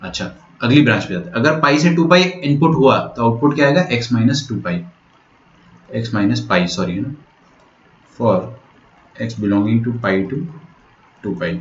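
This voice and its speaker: A man's voice: mid-range voice, lively intonation, normal speed, pauses often, slight background noise. A man teaching maths in an online lecture, explaining step by step and often checking that students follow. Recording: roomy, dull lo-fi sound.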